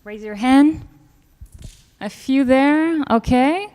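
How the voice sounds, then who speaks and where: A woman's voice: sits high, slow, mellow. A woman moderating a panel discussion, talking in a chatty way full of fillers. Her voice carries the long reverb of an event hall. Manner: chatty, many fillers, laughs easily.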